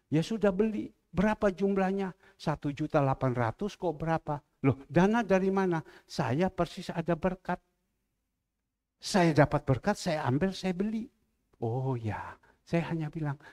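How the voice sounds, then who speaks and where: A man preaching a sermon from the pulpit with an Indonesian accent from Surabaya, telling stories and acting out the dialogue in quoted voices, sometimes rising to loud preaching. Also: on the high side. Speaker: pastor. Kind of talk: sermon with storytelling. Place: large church hall. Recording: reverberant church hall.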